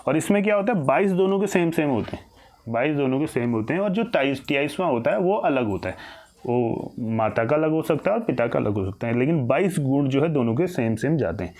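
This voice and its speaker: A man's voice: mid-range voice, lively intonation, fairly quick, a little mellow. A man teaching a recorded exam-prep lesson. He asks questions and answers them himself, often restarting and repeating phrases.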